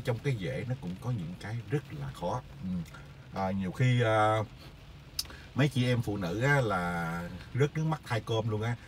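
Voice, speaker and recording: A middle-aged man, telling stories in a casual, rambling monologue full of hesitant filler pauses. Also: fairly low pitch, slight background noise. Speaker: vlogger sharing stories.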